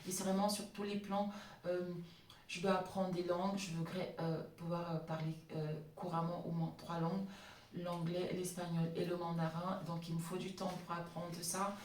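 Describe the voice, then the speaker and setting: A woman's voice: fairly low pitch, flat delivery, moderate pace, darkish tone. Lisping woman in an echoey room. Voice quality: slight lisp on sibilants. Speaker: vlogger, cleaning business entrepreneur. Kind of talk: personal storytelling monologue to camera. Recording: echoey room, distant microphone.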